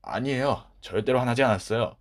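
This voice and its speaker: A man voicing an eager, polite young boy servant in a children's storybook, loud and earnest. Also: mid-range voice, expressive, fairly quick. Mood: protesting.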